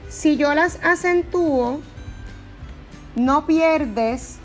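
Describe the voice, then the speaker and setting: A woman teaching a Spanish grammar lesson, explaining patiently and repeating her examples. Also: on the high side.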